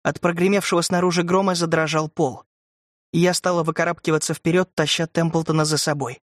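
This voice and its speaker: Dramatic high-voiced male narrator. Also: little pitch movement, a little fast, dry recording, studio quality. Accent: Russian. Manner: tense, dramatic reading. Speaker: audiobook narrator. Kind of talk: scripted narration.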